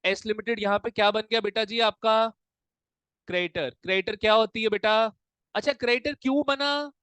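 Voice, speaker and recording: High-voiced male tutor quizzing his class. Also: fairly even intonation, fairly bright tone, smooth, dry recording, low-quality recording. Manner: drills students with rapid call-and-answer questions; fatherly, calls students "beta". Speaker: commerce tutor. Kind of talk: classroom lecture mixing Hindi and English. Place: coaching classroom.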